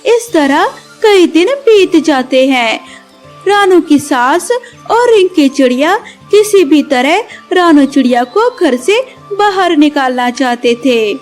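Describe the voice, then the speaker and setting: A woman narrating a children's cartoon story in a clear, deliberate storytelling manner. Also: high voice, expressive, darkish tone, faint music behind.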